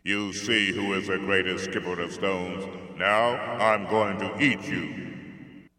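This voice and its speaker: Big dumb hungry stone giant, slow and booming, real loud, guy doing the voice. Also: fairly even intonation, in a large hall, exaggerated voice. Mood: gloating. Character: huge hungry boastful male stone giant.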